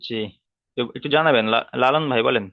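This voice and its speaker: Male online tutor, smooth resonant voice, patient, repeats each rule, dull call audio. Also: medium pitch, no echo. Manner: patient, repeats rules slowly, drills letter by letter. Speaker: Quran reading teacher. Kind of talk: online class lesson. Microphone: video call.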